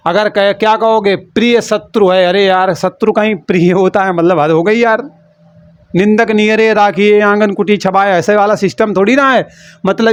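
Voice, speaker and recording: A man's voice: high-pitched, no room sound. A man teaching a lesson for an exam, explaining in a playful, teasing way and calling the students "beta".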